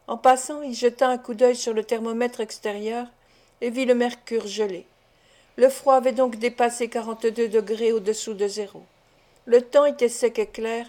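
A woman reads a classic novel aloud at a steady, measured pace. Her voice sits a little high, and its tone is soft and mellow rather than bright. It has the even delivery of an audiobook narrator.

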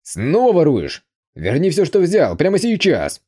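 A man's voice: medium pitch, wildly swooping pitch, moderate pace, pitched above the performer's own voice. Man putting on a hearty, hot-tempered uncle. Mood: angry. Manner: hearty and loud. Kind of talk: audiobook character voice.

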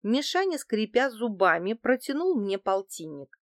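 A woman's voice: fairly high pitch, very animated, measured pace, no echo, clean studio sound. A woman reading a crime novel aloud in the first person, telling the story steadily. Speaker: audiobook narrator. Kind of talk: first-person scripted narration.

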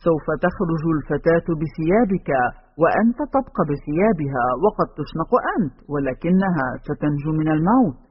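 A man's voice: on the high side, expressive, a little fast, breathy edge. A man voicing a cold, calculating middle-aged priest in a novel reading. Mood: scheming. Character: scheming stern middle-aged male priest. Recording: dull home recording with long reverb.

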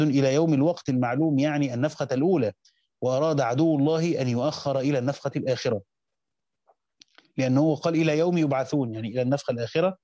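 A medium-pitched, warm voice comes through dull audio without room sound as an Egyptian-accented teacher of Quranic exegesis reads classical commentary aloud. He explains each passage in colloquial speech, often restarting mid-phrase.

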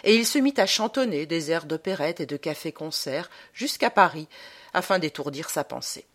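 A woman narrates a short story for an audiobook. Her voice sits low but rises and falls expressively, measured in its delivery. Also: animated. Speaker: reader.

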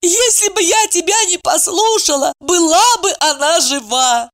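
A woman's voice: very high voice, measured pace, fairly bright tone, voice pushed up. A woman voicing a sly, gossipy woman friend who needles and nags. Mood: needling.

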